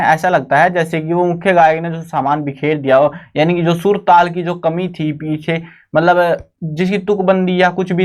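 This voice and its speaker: A young adult man teaching a Hindi poem to students, reading each verse slowly and then explaining it in chatty, everyday speech mixed with English words. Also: fairly high pitch.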